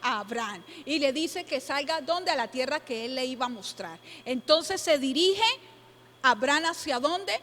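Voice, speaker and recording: A woman's voice: high voice, animated, moderate pace, a bit bright, a little hiss or hum. A woman teaching a Bible study class, emphatic, asking her listeners questions and answering them herself, repeating key points. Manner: emphatic, exclaims "tremendo". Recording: long hall reverb.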